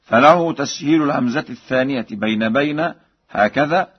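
A man of middle pitch teaching Quran recitation rules over a dull, lo-fi radio broadcast. He explains each rule calmly and then chants the example slowly and melodically. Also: breathy edge.

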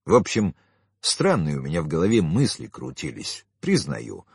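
A man narrating a first-person audiobook in an expressive, wry storytelling manner. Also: low voice, breathy edge, dry recording, studio quality.

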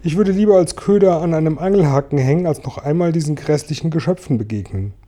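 A man voicing a whiny, frightened blind earthworm in a storybook reading, wailing high and desperate. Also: animated, normal speed, mellow, close to an everyday voice. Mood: panicked.

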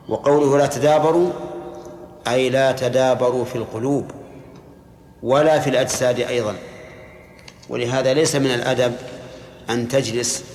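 A man, teaching a religious lesson in a measured, explanatory way and quizzing his students. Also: medium pitch. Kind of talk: lecture explaining hadith to students. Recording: echoey lecture hall, faint hum.

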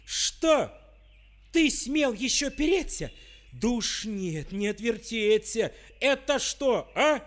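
A man voicing an angry, bossy old tsar who shouts threats, in a storybook verse reading. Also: high voice, expressive, slow, heavily acted. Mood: angry shouting. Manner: shouting, commanding.

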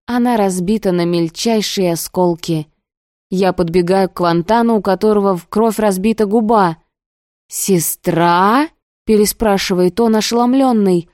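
A woman narrating a novel in the first person with steady, expressive storytelling. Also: mid-range voice, no echo, studio quality. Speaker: audiobook narrator.

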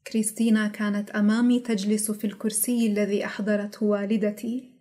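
A woman reading the lines of an elderly male general in an audiobook, speaking in a quiet, measured, low tone. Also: level tone, lightly acted. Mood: quiet, reminiscing. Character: elderly male general, calm, brooding, exacting.

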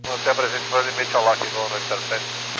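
A man's voice: medium pitch, level tone, fast talker. A Brazilian man, a pilot, giving clipped readbacks over a crackly military-style aviation radio. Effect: aviation radio transmission. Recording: noisy humming air-band radio. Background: radio hum and static.

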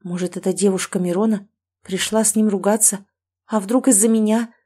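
A woman narrating an audiobook in the first person, with an even, dry reading manner. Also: medium pitch, fairly quick, husky.

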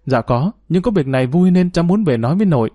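A man's voice: a little high, expressive, fast, mellow, no room sound, muffled recording, voice pushed up. A man voicing an eager, affectionate little granddaughter who wheedles her grandmother in a storybook narration. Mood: eager coaxing.

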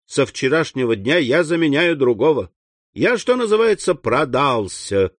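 An eager, devoted young man pleads with his mother in an audiobook, as a male reader puts him on. The voice sits a touch higher than the reader's own and leans hard on its key words. The sound is close and dry. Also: big pitch swings, normal speed, no room sound. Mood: earnest. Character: earnest young man, devoted proud son.

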